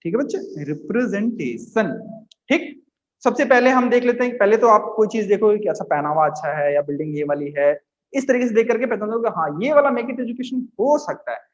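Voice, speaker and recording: A man teaching physics to students, coaxing them along and slowly repeating key terms. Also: sits high. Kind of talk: classroom lecture to students. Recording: echoey room, dull lo-fi sound.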